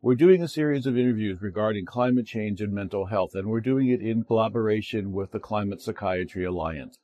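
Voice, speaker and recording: A man hosting a radio-style interview series, introducing it in a measured, welcoming way. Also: fairly low pitch, mellow. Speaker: host.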